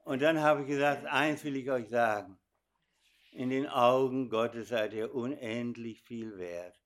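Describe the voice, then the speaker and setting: A man's voice: mid-range voice, measured pace. An older man giving a sermon, telling stories and speaking directly to his listeners. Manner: animated storytelling, addresses audience directly. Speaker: preacher.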